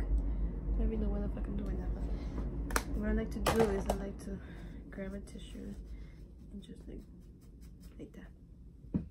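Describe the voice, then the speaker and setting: A woman's voice: medium pitch, creaky. A woman narrating a makeup tutorial in a casual way, cursing freely and dropping into whispered asides. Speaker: beauty vlogger. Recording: steady background noise.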